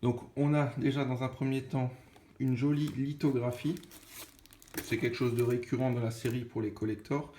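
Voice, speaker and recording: A young man with an Alsatian French accent chats casually through an unboxing, stumbling over words and correcting himself as he goes. His voice sits at an ordinary middle pitch. The room is echoey, with a faint hiss underneath. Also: steady tone, moderate pace, dark tone. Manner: chatty, casual, with frequent fillers and self-corrections. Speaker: unboxing video host.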